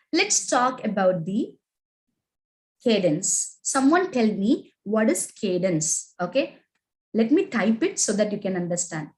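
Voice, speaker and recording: The rough recording features a woman agile training instructor with an Indian English accent and a medium-pitched, darkish voice leading a live online class. She keeps asking questions, reading chat responses aloud, and dropping in "right?" and "okay?".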